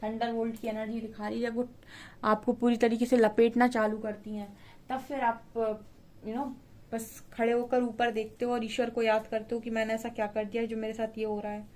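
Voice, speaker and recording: A woman's voice: a little high, little pitch movement, moderate pace, a little mellow. A woman giving a conversational tarot reading, explaining the cards to her viewers. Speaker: tarot reader.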